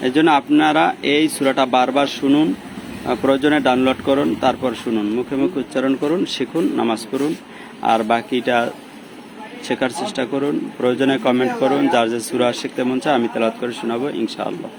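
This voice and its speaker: A gravelly-voiced man gives a slow, patient pronunciation lesson, breaking words into sounds and chanting them drawn out. He is recorded outdoors, with street and traffic noise clearly audible behind him. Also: medium pitch, fairly even intonation. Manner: drawn-out chanted recitation between patient explanations. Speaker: Quran recitation teacher.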